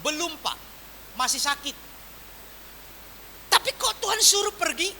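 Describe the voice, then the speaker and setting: A man preaching a sermon as pastor, swinging from loud emphatic lines to quiet soft ones. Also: extremely high pitch, measured pace, vocal fry, slight background noise. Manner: animated preaching with wide swings in volume.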